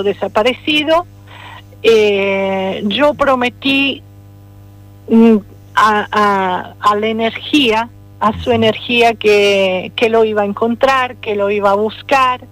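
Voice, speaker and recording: A woman from Rome with an Italian accent speaks Spanish as a non-native speaker, a playwright and poet giving a radio interview while pausing often to search for words. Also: on the high side, no echo. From Italy, Rome. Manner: hesitant, searching for words with many fillers.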